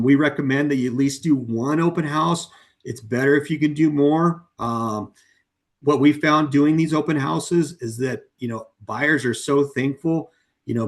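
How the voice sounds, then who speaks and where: A company co-founder runs a webinar, casually demoing software at an easy, unhurried pace. He talks conversationally with plenty of ums and you-knows, and his mid-range voice has gone a bit hoarse from long talking.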